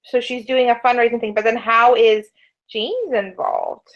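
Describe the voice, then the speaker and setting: A woman's voice: fairly high pitch, steady tone, normal speed, highs cut off. A woman co-hosting a podcast in casual chat, reacting and asking questions in a conversational way. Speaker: podcast co-host.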